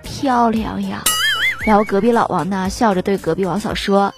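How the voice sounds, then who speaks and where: A woman's voice: medium pitch, fast talker, over loud music. A woman playfully narrating a string of short jokes. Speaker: joke teller. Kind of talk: storytelling jokes.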